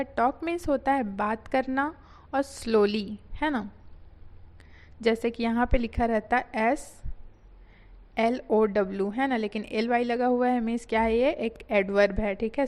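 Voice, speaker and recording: A woman teaching English vocabulary in a patient lesson, spelling words out and repeating key phrases slowly. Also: a little high.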